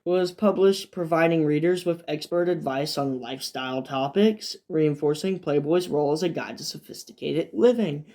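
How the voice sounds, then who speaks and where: A man narrates a history video in a mellow, somewhat high voice. He reads his scripted lines, then drops into loose, casual asides full of fillers and restarts. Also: normal speed, few pauses. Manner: fillers and restarts between points. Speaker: video essay host.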